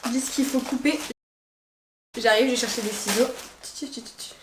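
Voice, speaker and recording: Music plays behind this slightly high-voiced vlogger, who has a cold and speaks at a moderate pace in an echoey room. She unboxes and tries on clothes in a relaxed haul chat, wandering off track and fixing her own words.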